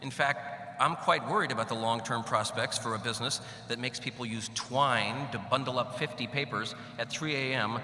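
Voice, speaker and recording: Man, middle-aged, commencement speaker, big hall echo, long reverb, sharp bright voice, wry asides. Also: medium pitch, normal speed, few pauses. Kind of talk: graduation speech. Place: large hall. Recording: echoey large hall, faint hum.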